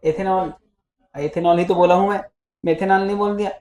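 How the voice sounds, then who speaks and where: A man's voice: sits high, steady tone, a little fast, darkish tone. A male physics teacher in a casual classroom lecture, teasing and scolding his students as he talks. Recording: echoey classroom.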